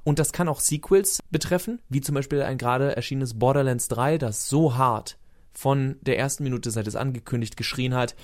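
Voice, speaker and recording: A man's voice: medium pitch, moderate pace. A man co-hosting a podcast, talking in a casual and opinionated way, with playful asides. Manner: opinionated, playful, with mock-voiced quotes. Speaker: podcast co-host. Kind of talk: casual discussion.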